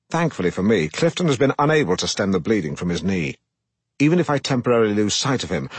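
A middle-aged man narrating a comic first-person audiobook with a deadpan, self-important delivery. His voice sits low and a little husky, and it is recorded close and dry in a studio. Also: dry recording.

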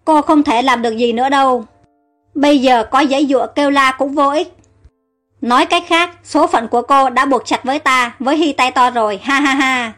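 Storybook prince, scheming and proud, read by a woman, high voice. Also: normal speed, fairly bright tone, soft background music. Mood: gloating. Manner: mocking, self-assured.

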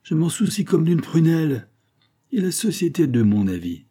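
A man's voice: fairly high pitch, sing-song, moderate pace, dark tone, breathy edge, voice pushed up. A man reading a novel aloud voices a bitter, menacing husband, sarcastic and vehement, his voice raised above his narration. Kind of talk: audiobook character reading.

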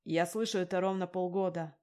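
A menacing gangster man from an audiobook, put on by a woman narrator. He talks down to everyone with a mocking, threatening edge. The voice sits slightly low. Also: fairly even intonation, fairly quick, dark tone, close to an everyday voice. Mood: cold threatening. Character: menacing male gangster lender, cold and crude. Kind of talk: audiobook character reading.

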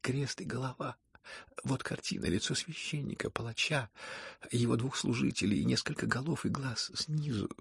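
A man with a husky, gravelly voice voicing a gentle young prince who speaks thoughtfully and often sinks into a whisper. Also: medium pitch, no echo, clean studio sound, heavily acted. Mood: hushed, musing. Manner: musing, slows down and drops to a whisper.

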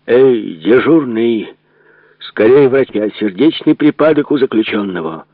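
A man's voice: low voice, very animated, measured pace, no room sound, heavily acted. A man voicing a stern old male prison camp inmate who asks hard, probing questions, in a phone-like narrow recording. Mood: urgent.

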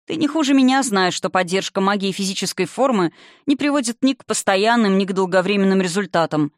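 In an audiobook, a reader voices a young male silver dragon who is irritable and gloomy, snapping sarcastically. The man's voice sits high, with lively intonation and a brisk pace, recorded studio-quality with no room sound.

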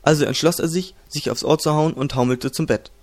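A man narrating a fantasy audiobook in a calm, even reading voice. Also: fairly high pitch, a little fast. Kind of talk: storybook narration.

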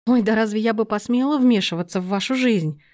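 A woman's voice: medium pitch, fairly quick, a little mellow, close to an everyday voice. A woman reading aloud and voicing a sly young woman who talks sweetly and feigns innocence.

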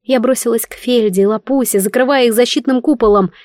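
A woman narrating a first-person fantasy audiobook with expressive, emotional storytelling. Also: fairly high pitch, quick pace, no room sound, clean studio sound.

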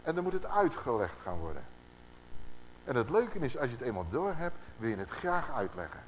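A man delivers a conversational Bible-teaching sermon to an assembled congregation, speaking animatedly and peppering his listeners with rhetorical questions. His voice sits in the mid range at a moderate pace. The low-quality recording carries a little hiss or hum.

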